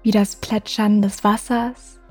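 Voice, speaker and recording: A woman hosting a meditation podcast, guiding the listener in a soft, slow, soothing way with long pauses. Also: mid-range voice, level tone. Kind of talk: guided meditation. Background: music.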